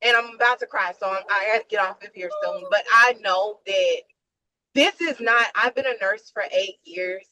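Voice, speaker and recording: Tired, frank woman with a bright voice. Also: mid-range voice, moderate pace, rough recording. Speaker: nurse and webinar attendee. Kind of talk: casual venting on a video call.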